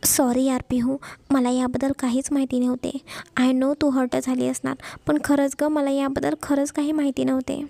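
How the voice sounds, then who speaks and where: A woman's voice: high voice, level tone, moderate pace, creaky, warm tone, no echo. A woman voicing an outspoken, talkative young college woman. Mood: apologetic.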